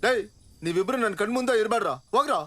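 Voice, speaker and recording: A man playing a brash, grieving son who talks fast. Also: medium pitch, fairly bright tone, natural voice. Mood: angry. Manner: rapid, blunt, bossy. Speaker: son back from abroad for his mother's funeral. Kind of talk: film dialogue, dubbed.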